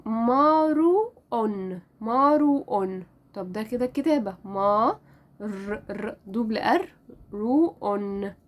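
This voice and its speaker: A woman with an Egyptian Arabic accent teaching French pronunciation in a casual lesson, spelling out letters and repeating each word slowly. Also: mid-range voice, animated. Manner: drills words slowly, repeating each one.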